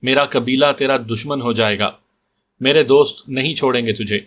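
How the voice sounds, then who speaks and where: A man's voice: mid-range voice, a bit bright, lightly acted. A man voicing a captive male bandit who talks in a demanding, threatening way.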